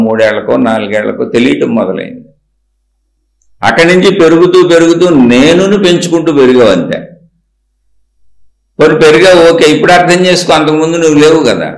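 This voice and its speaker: A man's voice: a little high, creaky, roomy sound. A man giving a spiritual discourse, asking rhetorical questions and answering them himself in a repetitive, emphatic teaching cadence.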